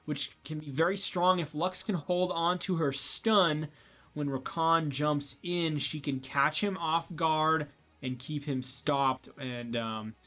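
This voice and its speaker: A man's voice: on the high side, fairly even intonation, slow, sharp tone. Sleepy young male esports caster. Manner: casual, rambling, many fillers and restarts. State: sleepy, yawning. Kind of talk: play-by-play esports commentary.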